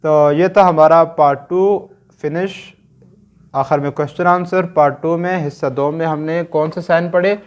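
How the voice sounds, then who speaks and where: A man's voice: fairly high pitch, steady tone, moderate pace, clean tone, muffled recording. A man with a Pakistani Urdu accent teaching Quran reading in a recorded lesson, patiently drilling short sounds one by one and checking that learners follow.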